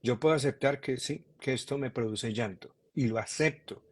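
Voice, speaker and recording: A man talking calmly and earnestly as a podcast guest, searching for words as he goes. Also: medium pitch, normal speed, slightly rough. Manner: calm, earnest, repeats himself while searching for words. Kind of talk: reflective conversation.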